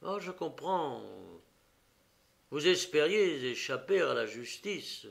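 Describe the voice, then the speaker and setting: A man voicing a shrewd male police agent who questions a prisoner in a measured, coaxing way with hesitant fillers. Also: a little high, lively intonation, creaky, heavily acted. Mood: stern.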